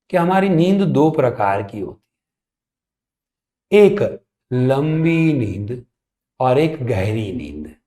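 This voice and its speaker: A man giving a slow, calm spoken yoga lesson as the teacher. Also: on the high side, echoey room. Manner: calm, deliberate instruction.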